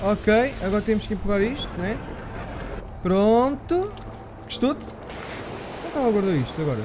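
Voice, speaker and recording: European Portuguese gaming host, young man, excitable horror play-by-play, noisy track. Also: high-pitched, moderate pace. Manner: excitable, mutters to himself, swears when startled. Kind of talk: horror game commentary.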